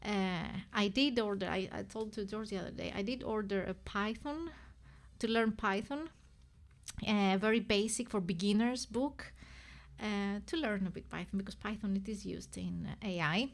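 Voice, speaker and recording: Hosting a live stream, a native Greek speaker from Greece chats loosely in Greek-accented speech, rambling and correcting herself while thinking aloud. She speaks at normal speed with a medium-pitched voice.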